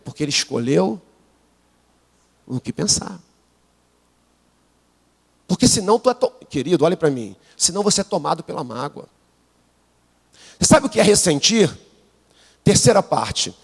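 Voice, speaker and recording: Gravelly Brazilian pastor preaching in a hall. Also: male voice, very animated, moderate pace, long pauses. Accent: Brazilian Portuguese. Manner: call-and-response preaching, prompting the congregation to repeat; swings from low asides to shouted climaxes. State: unwell, preaching through it. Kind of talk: sermon. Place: church sanctuary. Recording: live church sound with long hall reverb.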